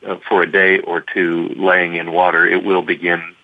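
Deep-voiced man on a tinny line. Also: level tone, no room sound. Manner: halting, many repeats and fillers. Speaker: company executive guest. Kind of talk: interview answers.

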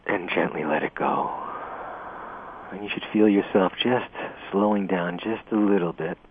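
A man leading a guided meditation in a slow, gentle, soothing way, heard over a narrow radio broadcast. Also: low voice, noisy background. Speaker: meditation teacher.

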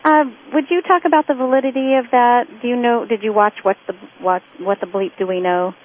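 A woman's voice: on the high side, brisk. A woman calling into a radio show, rambling and searching for words as she asks her question. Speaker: caller. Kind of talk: phone-in question. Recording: tinny phone line.

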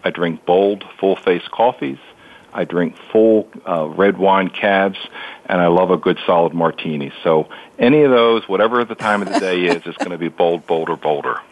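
A man's voice: sits low, moderate pace, narrow, tinny audio. A man calling in as a radio panel guest, hearty with some hesitations.

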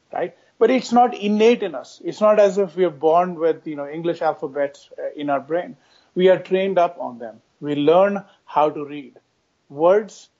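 A man's voice: fairly high pitch, darkish tone. A man speaking as an interview guest, explaining his ideas reflectively over a lo-fi connection. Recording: dull lo-fi connection.

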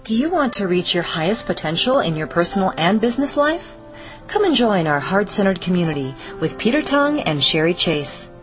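A woman reading a scripted radio promo in a smooth, inviting voice. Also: medium pitch, very animated, fairly quick. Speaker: promo announcer. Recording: voice over music bed.

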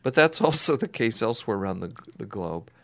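A man's voice: fairly low pitch, big pitch swings, brisk, a bit bright. A man hosting an investing radio show, chatting casually, rambling and laughing as he reads articles aloud.

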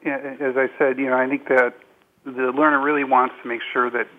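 A man joining a panel discussion as a guest, speaking slowly and hesitantly with many fillers, over a phone line. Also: medium pitch, flat delivery. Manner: slow, hesitant, filler-heavy. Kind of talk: casual discussion. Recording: tinny phone line with faint noise.

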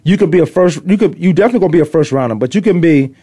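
A man's voice: fairly high pitch, lively intonation, very fast, mellow, breathy edge, dry recording, clean studio sound. A middle-aged man from Virginia hosting casual sports talk, opinionated and rambling, repeating himself for emphasis. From Virginia, US East Coast. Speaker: sports talk show host, former pro defensive back.

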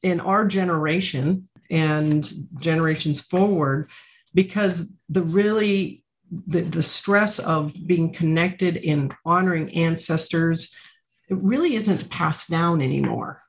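A woman's voice: low-pitched, slow pace. A woman hosting a podcast interview who responds to her guest with affirming enthusiasm. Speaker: podcast host. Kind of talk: conversational interview.

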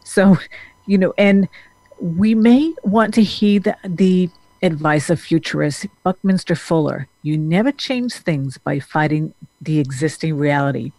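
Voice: mid-range voice, a little slow, dark tone, dry recording. Therapist from Denmark, earnest and rambling, dry close sound. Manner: earnest, rambling, with frequent restarts and fillers. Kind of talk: casual talking-head monologue.

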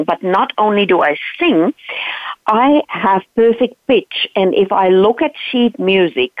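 A South African woman in her fifties tells her life story as a podcast interview guest, earnest and animated, often checking in with "right?". Her voice is on the low side, and the dry, tinny, phone-like line has no echo.

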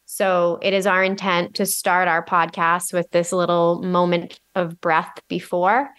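A woman's voice: on the low side, level tone, a little slow, fairly bright tone, smooth. A woman co-hosting a podcast, talking conversationally in a reflective, earnest way as she explains things. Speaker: podcast co-host.

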